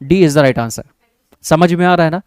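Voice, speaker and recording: A man teaching an exam-prep English grammar lesson with an Indian accent, often checking in with his class and reading English sentences out slowly. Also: on the high side, smooth, dry recording. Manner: checks in with the class, calls students "babu" and "bhai".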